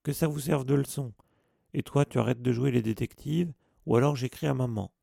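A man voicing a stern, self-important teenage boy prefect who scolds loudly. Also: medium pitch, a little fast, vocal fry, no room sound, studio quality, voice pushed up. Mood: scolding. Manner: indignant, scolding.

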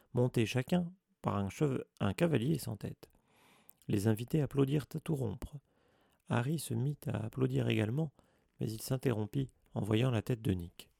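A man narrates an audiobook at a measured pace, in a deep gravelly voice. His tone is dark and mellow. The sound is dry and close to the mic. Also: dry recording. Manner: measured, storytelling reading.

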